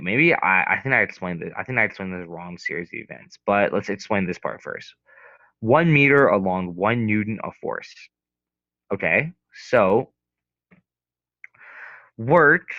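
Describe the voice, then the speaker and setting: A young man with a lowish voice walks through a lesson in a casual, rambling way, stopping and restarting his sentences often. The recording is dull and lo-fi, close and dry with no room sound. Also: fairly bright tone, dry recording. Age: young adult. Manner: hesitant, rambling, many restarts and fillers. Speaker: student tutor.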